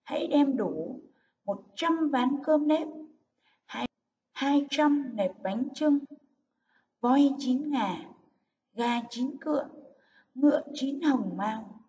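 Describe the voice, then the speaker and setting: A stately storybook king proclaims slowly and firmly, as a woman reads him aloud. The voice sits a little high and mellow. It sounds distant and muffled, with a faint hiss behind it. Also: animated, long reverb tail, exaggerated voice. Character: solemn ancient male king announcing a contest.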